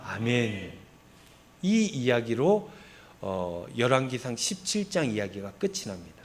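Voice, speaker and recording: A man's voice: mid-range voice, a little slow. A male pastor preaching a sermon, retelling scripture with rhetorical questions. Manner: expressive storytelling with rhetorical questions.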